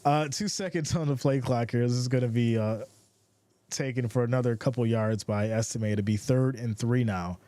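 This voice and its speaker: A man's voice: medium pitch, normal speed, warm tone, dry recording. A man doing casual play-by-play for a football livestream, reading viewer comments between plays in a laid-back way. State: has the hiccups.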